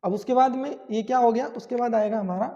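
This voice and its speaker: A man with a very high-pitched, mellow voice talks fast as he teaches a grammar lesson, explaining step by step and posing and answering his own questions. The recording sounds dull, with a long hall reverb.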